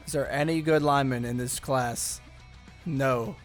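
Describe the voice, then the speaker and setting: A man's voice: mid-range voice, steady tone, unhurried, soft background music. A young man giving casual commentary over a football video game, thinking aloud and rambling with many fillers. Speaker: gaming YouTuber.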